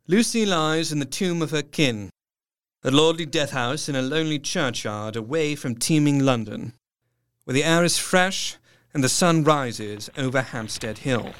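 An actor playing a melancholy Victorian doctor, narrating his diary in measured, literary phrases for a radio play. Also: mid-range voice, expressive, a bit bright, smooth, dry recording, clean studio sound. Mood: sad, resigned. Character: melancholy male doctor, sober Victorian diarist.

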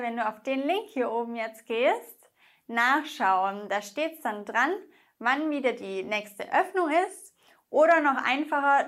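A woman teaching Spanish grammar, explaining slowly and carefully and speaking directly to the viewer. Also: sits high, a bit bright. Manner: slow, careful explanations with drawn-out example words.

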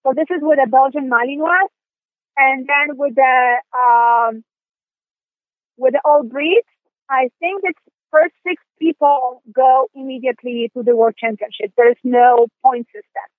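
A woman from Poland with a Polish accent, speaking as an interview guest in halting sentences full of restarts and fillers. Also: high-pitched, steady tone, no echo. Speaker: guest, dog sport competitor. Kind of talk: interview conversation. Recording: tinny phone line.

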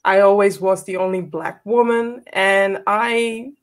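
A woman's voice: medium pitch, fairly even intonation, measured pace. A woman hosting an online panel, chatty and a little hesitant, greeting viewers by name. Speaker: host and moderator.

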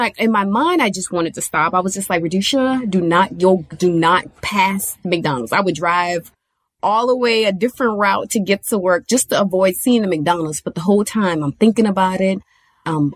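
A woman's voice: medium pitch, no echo. Emphatic woman giving a dry motivational talk. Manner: emphatic and preachy, acting out her own past thoughts; colloquial and conversational, addressing listeners directly. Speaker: motivational speaker on diet and sugar.

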